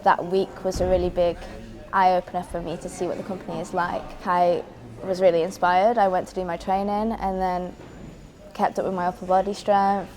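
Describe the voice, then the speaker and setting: Earnest young woman dancer, lowish voice. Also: level tone, moderate pace, darkish tone. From England. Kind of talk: documentary interview.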